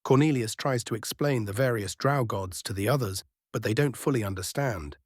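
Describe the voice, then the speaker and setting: A man's voice: mid-range voice, normal speed, no room sound, studio quality. A man reading scripted fantasy narration as a storyteller.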